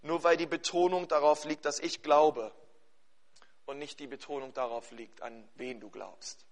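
A man preaching a sermon and leading a prayer, speaking emphatically, repeating key phrases and addressing his listeners directly, swinging between loud stress and hushed passages. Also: a little high, fairly even intonation, measured pace.

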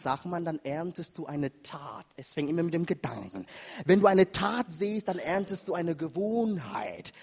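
A man preaching a sermon with passion, swinging between shouts and near whispers. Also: a little high, husky. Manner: impassioned, swings from shouting to hushed. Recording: long reverb of a large hall.

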